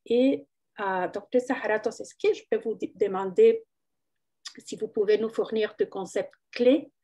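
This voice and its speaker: A woman's voice: medium pitch, mellow, slightly rough. A woman moderating a forum, presenting a guest and questions in a formal, prepared way.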